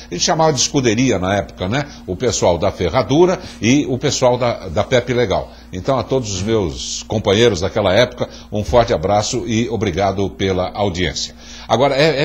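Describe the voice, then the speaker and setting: Lively older São TV host. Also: male voice, fairly low pitch, a little hiss or hum. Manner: lively, reminiscing, chummy with callers. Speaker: TV talk show host. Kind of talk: live TV studio chat.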